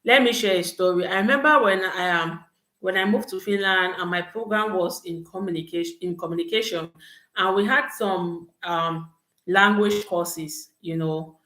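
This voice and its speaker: A young woman hosts a live Q&A, giving advice and checking in with "okay" and "all right." Her voice sits a little low. The room around her sounds echoey and open. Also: normal speed, bright, forceful tone. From Cameroon. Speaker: host answering study-abroad questions. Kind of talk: live Q&A chat. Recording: roomy echo.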